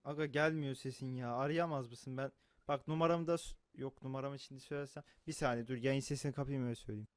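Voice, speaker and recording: A young man streaming, frustrated and prone to angry shouting, talking into a desk mic. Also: mid-range voice, steady tone, fast, clear, resonant tone, no echo. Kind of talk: live stream chat.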